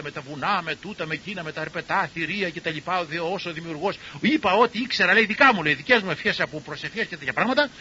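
An older man, a cardiologist, tells stories to an audience in a lively way and acts out the people he quotes. His voice is husky. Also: a little high, highs cut off, slight background noise. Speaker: cardiologist and university professor giving a talk. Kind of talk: storytelling talk to an audience.

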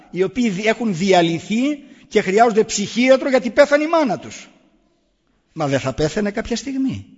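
A middle-aged man with a slightly high, breathy-edged voice speaks earnestly to an audience and presses his points with rhetorical questions. His voice rings with a long echo from a large hall, and the recording sounds dull and muffled. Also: a little mellow. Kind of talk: public talk on raising children.

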